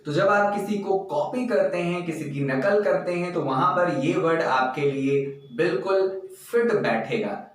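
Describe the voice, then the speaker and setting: A man with an Indian accent teaching English vocabulary for exams, spelling each word letter by letter and giving example sentences. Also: sits high. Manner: slow, deliberate, spells words letter by letter; addresses viewers as friends, gives example sentences. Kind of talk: exam vocabulary lesson. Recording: very echoey room.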